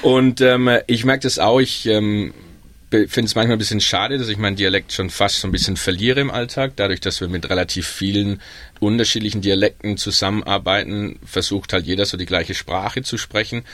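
Speaking fairly quickly in a fairly low voice, this young Baden German guest chats easily on a panel, um-ing often as he goes. He works in a Melbourne pub, and the recording is dry.

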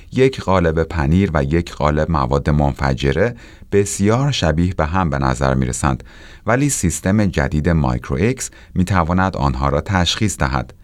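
A man's voice: a bass voice, no room sound. A man presenting technology news as scripted narration.

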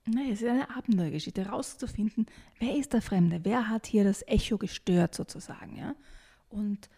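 A woman discussing a children's book and reading an excerpt aloud, lively, raising her voice for the characters' shouts. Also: medium pitch, normal speed, husky.

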